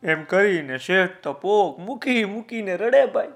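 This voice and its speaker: A man telling a children's story, lively and speaking directly to his young listeners. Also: high voice, a little slow, creaky.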